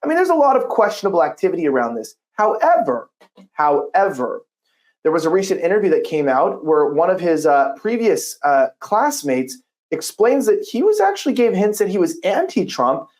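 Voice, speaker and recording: A man's voice: sits high, very animated, a little mellow. A man giving casual, skeptical political commentary and reading an ad. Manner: skeptical, conversational, quick asides.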